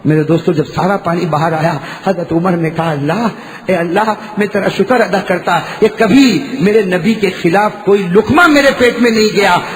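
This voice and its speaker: A man preaching a storytelling sermon, swinging from quiet talk to loud shouting and calling on the audience to answer. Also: high voice, big-room sound. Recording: noisy live sermon recording.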